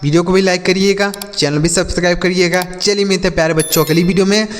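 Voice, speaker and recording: A male teacher giving a slow spelling and phonics lesson for children, spelling letters aloud and asking questions before answering them himself. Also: sits high, fairly even intonation, in a large hall, slight background noise. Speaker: English teacher.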